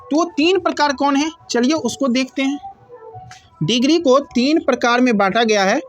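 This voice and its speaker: A woman's voice: high-pitched, moderate pace, soft background music. A woman teaching a grammar lesson, explaining step by step and asking and answering her own questions.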